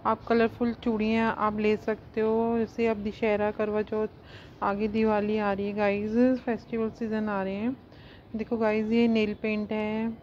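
A woman's voice: medium pitch, flat delivery, unhurried, a little mellow, highs cut off, a little hiss or hum. A woman filming a casual shopping vlog as she walks through wholesale market stalls and points out goods and prices. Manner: chatty, repeats "guys" and "very pretty" a lot. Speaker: cosmetics channel vlogger.

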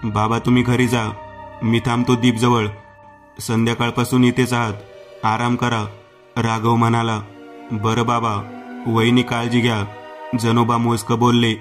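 A man with a Marathi accent narrating a horror story in a scripted storytelling style, voicing all the characters himself. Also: medium pitch.

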